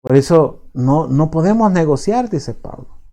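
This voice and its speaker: A man with a Salvadoran accent preaching a sermon as pastor, conversational and halting, often repeating words and adding tag questions. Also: a little high, expressive, warm tone. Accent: Salvadoran Spanish. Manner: halting, repeats words while searching for them.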